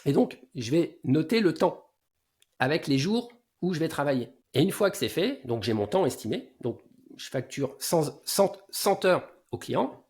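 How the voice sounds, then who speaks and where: A man in his forties, a guest consultant in a casual podcast interview, explaining at length in a low-key advising tone and often letting his sentences fade out. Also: big pitch swings, measured pace, a little mellow.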